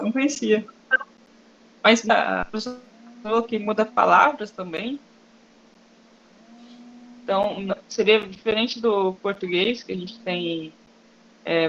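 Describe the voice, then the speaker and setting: A woman's voice: mid-range voice, gravelly, a bit bright. A woman in a study group discussion who asks curious follow-up questions. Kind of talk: casual discussion. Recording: distant, muffled lo-fi recording.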